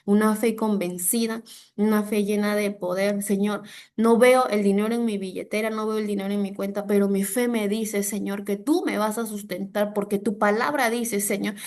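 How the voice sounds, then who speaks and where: A middle-aged woman with a Peruvian Spanish accent preaching a sermon, fervent, with repeated prayer declarations and bursts of loud emphasis. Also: mid-range voice, steady tone, moderate pace.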